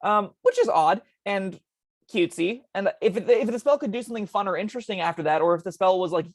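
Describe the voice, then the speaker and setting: A woman co-hosting a casual tabletop game podcast, talking in quick chatty bursts with plenty of ums. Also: mid-range voice, animated, no echo. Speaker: co-host discussing tabletop spells.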